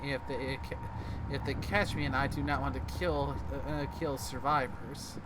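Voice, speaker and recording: A man doing casual gaming commentary as a streamer, haltingly thinking aloud. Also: medium pitch, fairly even intonation. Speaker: game streamer. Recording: loud background game noise.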